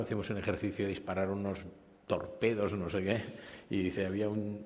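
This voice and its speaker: A man's voice: low-pitched, a little mellow. A man speaking on a conference panel, stammering into restarts and tagging his points with questions. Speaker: business school panelist. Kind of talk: panel discussion. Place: conference stage. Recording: reverberant conference hall.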